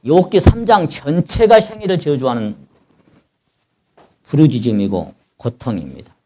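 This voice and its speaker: Over a noisy background, a man with a slightly high, very animated voice preaches as pastor at a measured pace. After reading scripture aloud he explains it plainly and with fervor, crying out as the sufferer would.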